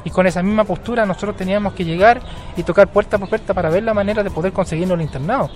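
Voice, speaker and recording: A man's voice: high-pitched, very fast, soft background music. A young man, a Mapuche language teacher telling his story in a casual interview, hesitant with many fillers and restarts. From southern Chile. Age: 20s. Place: outdoors at a bus terminal.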